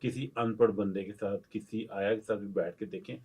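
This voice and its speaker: A man's voice: lowish voice, fairly even intonation, normal speed, mellow, slightly rough. A man hosting a podcast, asking short, polite questions. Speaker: podcast host. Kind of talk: podcast interview.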